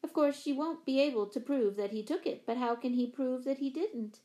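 A kind, sensible mother from a storybook, gentle yet firm with her children, voiced by a woman reader whose voice sits fairly high. She speaks with calm, careful warmth. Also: moderate pace, close to an everyday voice.

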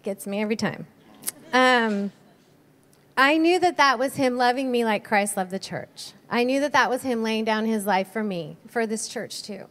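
A woman's voice: a little high, moderate pace, a bit bright. A middle-aged woman sharing a marriage testimony from a church stage, telling her story earnestly with frequent ums. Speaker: pastor's wife sharing a testimony. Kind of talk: sermon testimony. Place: church sanctuary. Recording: long reverb of a large hall.

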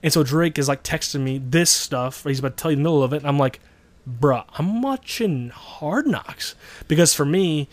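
Guy ranting casually, kinda high voice, swears a lot, dry close sound. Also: fast talker, few pauses, dry recording. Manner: profane, rambling and animated. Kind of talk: casual chat.

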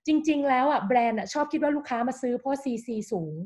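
Woman interview guest with a high voice, animated and persuasive, keeps asking "right?". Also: fast talker. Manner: lively, persuasive, checks in with "right?" often. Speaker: guest, managing director of a design firm. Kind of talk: explanatory interview talk.

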